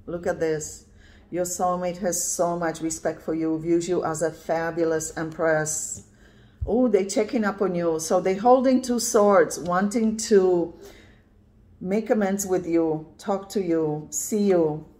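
A Polish woman in her fifties gives an intuitive tarot reading at a card table indoors, with the camera pointed at the cards. Her voice sits low and is a little mellow, with a steady tone and measured pace. She speaks emphatically, repeating "yeah" and "right?" often.

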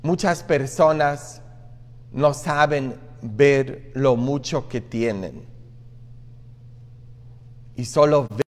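A man, a priest, preaching a sermon in a conversational way, often tossing in quick asides to the congregation. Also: mid-range voice, a little mellow, in a large hall. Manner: conversational preaching with frequent "¿ah?" asides and acted quotes. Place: church.

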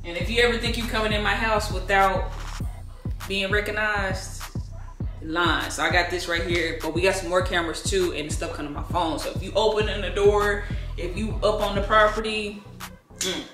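A woman's voice: mid-range voice, steady tone, moderate pace, reverberant, over music. A woman in her thirties giving a laid-back, chatty house tour to her viewers on a handheld camera. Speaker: vlogger. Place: indoors and backyard of a house.

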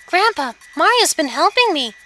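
Woman doing a high, excitable little tadpole boy. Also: normal speed, soft background music, exaggerated voice. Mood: excited. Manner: exclaiming, childlike, eager. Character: excitable young boy tadpole, naive and eager. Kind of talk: video game dialogue read aloud.

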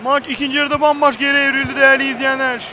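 A man doing live football play-by-play as an excitable commentator who screams players' names at big moments. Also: very high-pitched, very fast, lo-fi sound, slight background noise.

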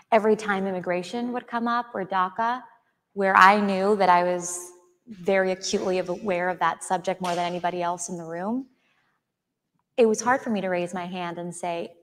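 Reflective woman from Chile in a hall. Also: mid-range voice. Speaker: author guest. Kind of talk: onstage interview conversation. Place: auditorium stage before an audience. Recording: hall with long reverb.

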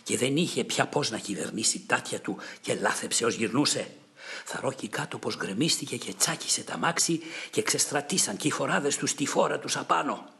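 A man's voice: medium pitch, expressive, gravelly, bright, forceful tone, voice pushed up. A man voicing an older king who calls out earnestly to fellow lords in an epic poem reading.

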